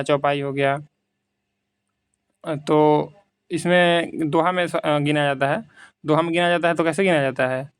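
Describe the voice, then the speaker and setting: A man teaching Hindi grammar through quiz questions. He reads out the options slowly, then explains them in casual, conversational Hindi. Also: fairly high pitch, no echo. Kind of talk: quiz lesson, reading questions and explaining answers.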